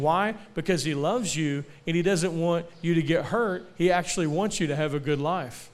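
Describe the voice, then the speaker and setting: A young man preaching a sermon at a camp, asking for amens and slowing down to stress key lines. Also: on the high side, smooth. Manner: call-and-response, asking for amens; slows down to stress key phrases. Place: camp meeting.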